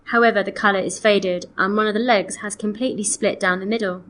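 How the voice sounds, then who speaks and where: Playing a courteous customer who calls about antiques that are missing and damaged, a woman delivers her lines for a scripted listening exercise with careful, orderly enunciation. She sounds natural, mid-range and a bit bright, keeping a steady tone and a polite, matter-of-fact mood.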